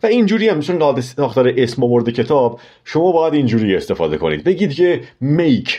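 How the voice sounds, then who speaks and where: A man with a Persian accent teaching English vocabulary in an online lesson, explaining at length and slowing down for careful English examples. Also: medium pitch, sing-song, mellow, dull audio.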